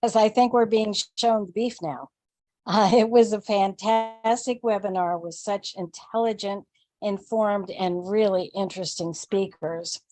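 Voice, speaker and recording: A woman's voice: mid-range voice, fairly even intonation, unhurried, mellow, no echo. A woman from the USA giving an articulate, enthusiastic testimonial on a video call with audio only. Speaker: company member on a webinar. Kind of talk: casual testimonial.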